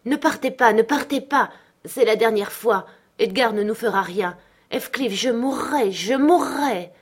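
Woman reading as a dying young woman, anguished and pleading, voice raised high. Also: a little slow, a little mellow, natural voice. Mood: desperate.

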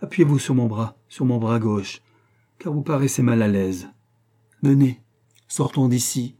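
A man reading aloud and voicing a vengeful young Venetian nobleman in a grim, measured tone. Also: medium pitch, mellow, lightly acted. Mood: calm.

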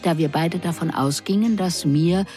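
A woman reading a first-person story aloud in a measured, expressive way. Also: on the low side. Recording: music underneath.

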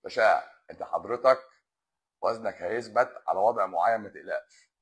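A man's voice: fairly low pitch, fairly quick. A man with an Egyptian accent, a doctor hosting a live stream who answers viewer comments in a blunt, lecturing way and drops English medical terms into his talk. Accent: Egyptian Arabic. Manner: blunt and lecturing, often exasperated.

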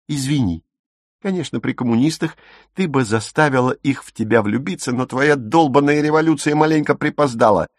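A male audiobook reader voicing a sharp-tongued, reckless young woman in hiding, mocking and defiant, in a dry, close recording. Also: on the low side, no room sound, natural voice.

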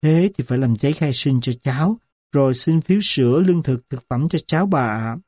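A man voicing a kind young woman schoolteacher who asks gentle, careful questions. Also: medium pitch, fairly quick, dry recording, studio quality, close to an everyday voice. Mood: concerned.

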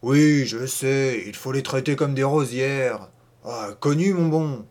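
Guy reading a loud bossy scoffing man, big emphatic voice, audiobook story. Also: medium pitch, takes it slowly, close to an everyday voice. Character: loud brash anticlerical middle-aged man, mocking and domineering.

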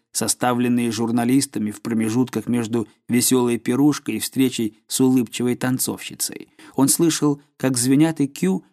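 A man's voice: medium pitch, a little mellow. Man reading a classic novel aloud. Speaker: audiobook narrator. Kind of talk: scripted narration of a classic novel.

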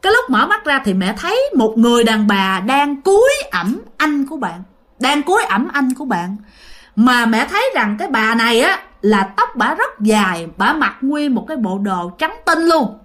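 Animated woman storyteller. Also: sits high, moderate pace. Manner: animated, addresses listeners directly. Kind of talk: casual ghost story narration.

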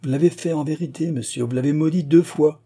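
A man's voice: fairly high pitch, steady tone, brisk, dark tone, voice pushed up. A man voicing an earnest young son who reproaches his father. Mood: reproachful.

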